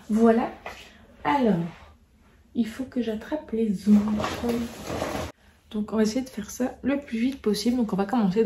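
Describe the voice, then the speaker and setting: A woman's voice: medium pitch, dark tone, a little hiss or hum. A French woman vlogging in a casual chat to camera, rambling and full of fillers and restarts. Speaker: book vlogger.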